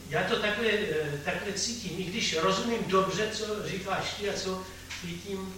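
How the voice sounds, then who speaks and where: A man in a Bible study group raising an objection, measured and hesitant with fillers. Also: sits high. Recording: distant, echoey room with noise.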